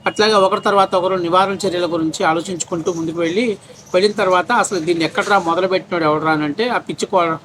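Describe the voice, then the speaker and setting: A man's voice: high voice, fairly even intonation, fast talker. A man from Pradesh, ranting in political commentary with a scornful, mocking, name-calling manner. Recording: faint background noise.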